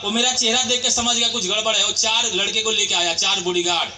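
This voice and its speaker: High, bright-voiced motivational speaker. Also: male voice, quick pace. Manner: animated storyteller, keeps addressing the crowd as friends and quizzing them. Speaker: motivational speaker at a company anniversary event. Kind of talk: motivational storytelling speech. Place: large event hall. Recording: echoey hall.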